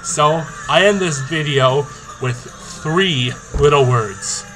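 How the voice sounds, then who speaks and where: A young man talking casually to camera in a video diary, playful, animated and boastful. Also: on the high side, slow pace, soft background music, poor audio. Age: young adult. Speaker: video diarist in a zombie tag game. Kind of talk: casual vlog talk to camera. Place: small indoor room. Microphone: webcam or laptop mic at arm's length. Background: rock song playing.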